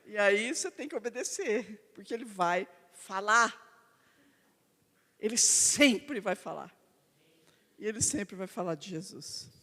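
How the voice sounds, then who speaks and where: A woman pastor preaching a sermon, telling lively stories and laughing as she goes. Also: mid-range voice, measured pace, pauses often, long reverb tail. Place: church.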